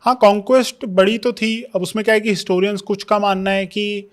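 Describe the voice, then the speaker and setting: A young adult man, a history scholar, explains things at length in a podcast interview, mixing English terms into his Hindi. His voice is high-pitched and brisk, with little pitch movement.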